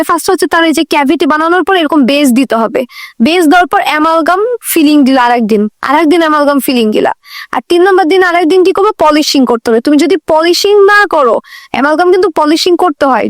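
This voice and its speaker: A woman's voice: high-pitched, no room sound, studio quality. A woman gives a dental lecture, repeating key points and asking rhetorical questions.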